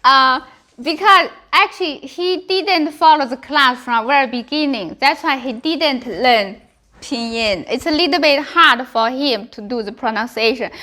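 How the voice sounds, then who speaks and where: High, bright Chinese-accented woman teacher practicing tones. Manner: practicing tones, repeating single syllables and words slowly. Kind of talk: classroom language lesson, practicing tones and pronunciation.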